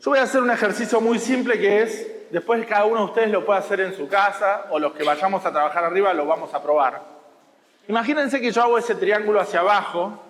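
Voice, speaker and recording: A man's voice: high-pitched, fairly quick, a bit bright, long reverb tail. A man with a Rioplatense Spanish accent giving a watercolor masterclass to students, explaining patiently and teasing them now and then. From Argentina. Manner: explanatory, teasing, checks understanding. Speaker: watercolor teacher. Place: school hall.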